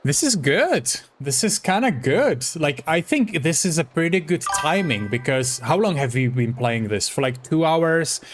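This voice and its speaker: A man's voice: on the high side, big pitch swings, a little slow, hardly any pauses, a little hiss or hum. Chatty Czech-accented man streaming a game. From Czech Republic. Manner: chatty and playful, often laughing. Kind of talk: live-streamed gameplay commentary.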